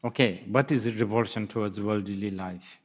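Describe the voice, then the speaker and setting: A man's voice: lowish voice, steady tone, normal speed. A man giving a Buddhist dharma talk, musing aloud with laughs and hesitant restarts. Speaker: Buddhist teacher. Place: lecture hall.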